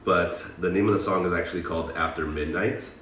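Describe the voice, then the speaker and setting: A man's voice: deep voice, fairly even intonation, a little fast, fairly bright tone, echoey room, distant mic, a little hiss or hum. A man co-hosting a casual music chat, introducing songs with many hesitations and fillers. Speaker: co-host presenting songs.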